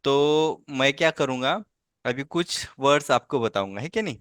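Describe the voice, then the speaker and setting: Male tutor on a video call, mid pitch, dry close sound, patient and coaxing, leans on tag questions. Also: animated, moderate pace, a bit bright, clean tone, no room sound. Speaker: language teacher. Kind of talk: online tutoring lesson.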